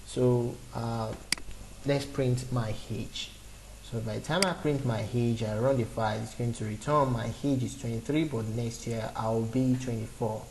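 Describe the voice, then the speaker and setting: Unhurried and creaky, with a slightly mellow, mid-range voice and fairly even intonation, a man in his twenties talks beginners through a programming lesson step by step. The screen-recorded lesson is off the cuff, full of fillers and restarts. The low-quality recording has a little hiss or hum.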